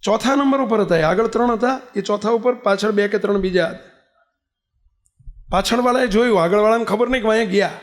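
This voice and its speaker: A man's voice: high-pitched, brisk. A man giving a storytelling sermon as a spiritual leader, acting out cries and prayers and speaking straight to his listeners. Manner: animated storyteller, acts out cries and prayers, addresses listeners directly.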